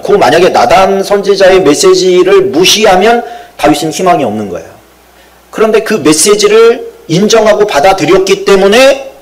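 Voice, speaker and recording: A male pastor giving a sermon, telling a story and acting out its dialogue, rising to loud outbursts and dropping to near whispers. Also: on the high side. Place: church sanctuary.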